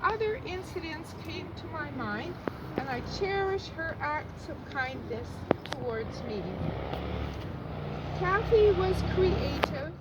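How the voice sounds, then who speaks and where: An older woman reading a prepared family eulogy in a measured, formal way. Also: extremely high pitch, animated. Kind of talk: prepared funeral eulogy, read aloud. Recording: distant muffled mic, loud background noise.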